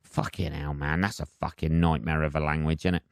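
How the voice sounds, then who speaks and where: A British man hosts a solo comedy podcast, his clear, smooth voice rumbling low and recorded dry and close. He rambles casually and sardonically at a brisk clip with flat delivery, swearing freely as he rants.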